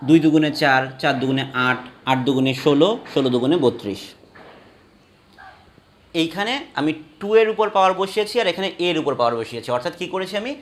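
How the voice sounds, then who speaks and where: A man teaching a math lesson, slowly spelling out each step and counting aloud for his students. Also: fairly high pitch. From Bangladesh. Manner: slow, deliberate, spells out steps and counts aloud. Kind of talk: classroom math lecture.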